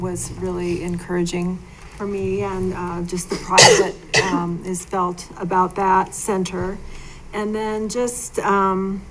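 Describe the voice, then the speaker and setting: Woman board member, monotone delivery, reflective rambling remarks, light background noise. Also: fairly low pitch, rough recording. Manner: reflective, rambling, self-correcting.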